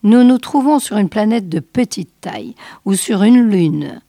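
A woman voicing a calm male spaceship commander in a storybook reading, steady and commanding. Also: medium pitch, a little slow, dry recording, studio quality.

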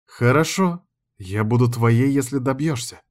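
A man reading an audiobook voices a submissive adult woman who is a school director, talking softly and pleading. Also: mid-range voice, measured pace, lightly acted. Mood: eager.

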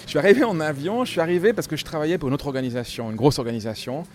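A man's voice: a little high, rapid-fire. A man raised in Switzerland, a foundation founder being interviewed casually, talking emphatically and hammering his points home. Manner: emphatic, piling up repeated points. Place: restaurant.

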